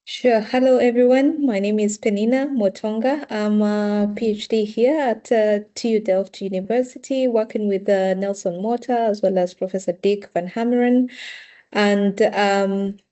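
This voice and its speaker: A woman's voice: mid-range voice, moderate pace, warm tone. A woman from Kenya, a PhD researcher, introducing herself in an upbeat, polite way on a video call.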